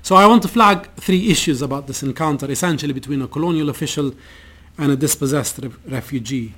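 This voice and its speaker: A man giving an academic lecture and reading passages from a novel aloud, in a measured, deliberate way with occasional restarts. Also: a little high, fairly bright tone.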